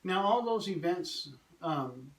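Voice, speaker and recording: An interviewer hosting a festival interview, talking in a relaxed, rambling way with many fillers. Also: mid-range voice, slow. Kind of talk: casual interview. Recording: roomy with faint background noise.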